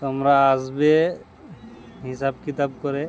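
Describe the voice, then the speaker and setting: Flat-toned man vlogging from a bumpy road. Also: mid-range voice, measured pace. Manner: talking while driving on a bumpy road. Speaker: truck driver vlogger. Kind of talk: casual vlog chat to viewers. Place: inside a truck cab on a rough road. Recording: noisy vehicle cab, engine and road noise. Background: vehicle and road noise.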